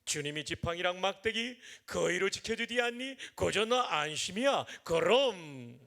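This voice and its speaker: A man recites a psalm in a put-on Pyongan dialect as a blunt countryman, asking emphatic questions in a slow way. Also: high-pitched, big pitch swings, vocal fry, a bit bright, exaggerated voice.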